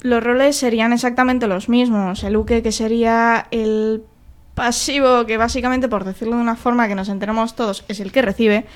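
Woman radio guest, fairly high voice, explains things, a few slips. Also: fairly even intonation, moderate pace. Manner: explanatory, stumbles over words. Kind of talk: casual radio chat. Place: radio studio.

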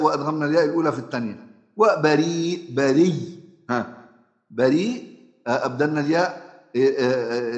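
Egyptian guy teaching recitation rules, keeps asking the class questions, kinda high voice, echoey room. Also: dull audio. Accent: Egyptian Arabic. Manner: conversational teaching, often asks the listener questions, many drawn-out fillers. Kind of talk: Egyptian Arabic lesson explaining recitation rules.

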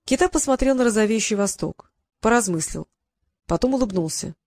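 A woman's voice: medium pitch, expressive, fairly quick, darkish tone, dry recording. Woman narrating a fairy tale. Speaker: audiobook narrator. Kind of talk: scripted narration.

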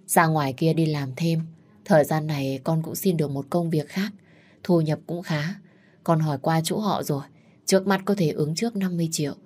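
A woman's voice: deep voice, fairly quick, a little mellow. A woman voicing a responsible young elder daughter who steadily reassures her family. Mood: resolute. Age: young adult.

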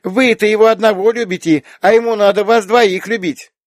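A chirpy, inquisitive little girl, as a male audiobook reader puts her on chatters in a high, bouncing voice that leaps all over. The read is close and dry, with no room around it. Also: big pitch swings, moderate pace, no room sound. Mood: chatty. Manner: eager, questioning, high childlike voice. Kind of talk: audiobook character voice.

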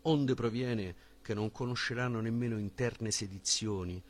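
A man reading a philosophical dialogue as an audiobook in a measured, formal voice with a husky tone. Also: medium pitch. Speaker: audiobook reader.

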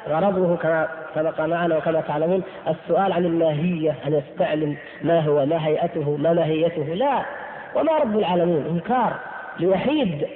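A man giving a recorded religious lesson, explaining step by step, repeating key phrases and addressing the listeners as brothers. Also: high-pitched. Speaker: religious teacher. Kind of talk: audio lecture on creed. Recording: tinny, echoey hall recording with faint hiss.

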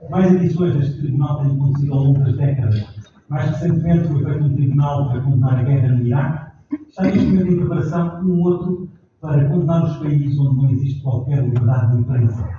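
A man in his forties with a European Portuguese accent speaks in a measured, declamatory stage manner. His voice sits a little high. The recording is dull and noisy, captured from the back of a reverberant theatre. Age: 40s. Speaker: actor and narrator. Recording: echoey theatre hall from far off, dull, noisy.

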